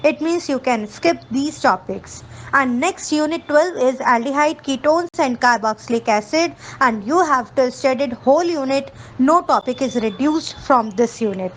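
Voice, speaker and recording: A woman with an Indian English accent talks students through a chemistry syllabus, moving between Hindi and English. Her voice sits high and her pace is very slow and careful as she reads out one topic after another. A faint hiss runs under the recording. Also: lively intonation, low-quality recording. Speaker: chemistry teacher. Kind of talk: syllabus walkthrough lesson.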